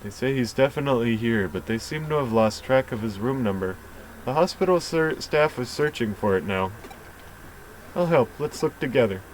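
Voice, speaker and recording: A man's voice: animated, moderate pace, slight background noise, low-quality recording. Man casually reading game dialogue. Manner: plain, low-key reading with dry asides. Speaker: let's play host.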